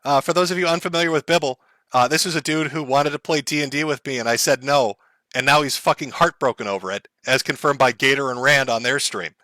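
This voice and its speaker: A man's voice: medium pitch, quick pace, bright, forceful tone, dry recording. A man hosting a stream, telling a story in a profane, sarcastic way with frequent laughs and mock voices. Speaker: commentary streamer host. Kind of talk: mocking stream commentary.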